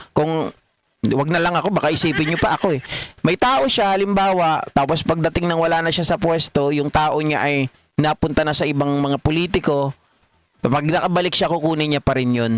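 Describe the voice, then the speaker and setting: A middle-aged Filipino man hosting a political livestream, reading viewer comments in a chatty way and laughing often. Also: on the high side. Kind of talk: casual live commentary reading chat.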